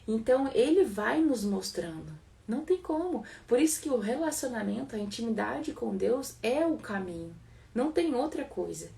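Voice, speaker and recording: Earnest gravelly Brazilian woman teaching. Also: fairly high pitch, lively intonation, moderate pace, mellow, distant mic. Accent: Brazilian Portuguese. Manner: earnest, conversational, repeats phrases for emphasis. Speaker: devotional teacher. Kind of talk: informal devotional teaching.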